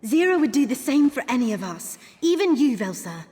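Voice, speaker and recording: Eager nimble young thief. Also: female voice, high voice, very animated, fairly quick, mellow, husky, in a large hall, exaggerated voice. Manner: keen, earnest. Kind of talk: game cutscene voice acting.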